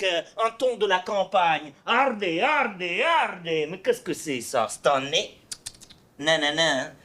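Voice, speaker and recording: Brief: male actor as a boastful big-nosed poet swordsman on stage, high voice, slow and hesitant delivery. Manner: proud, teasing, theatrical recitation with hesitant fillers. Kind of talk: amateur stage play performance.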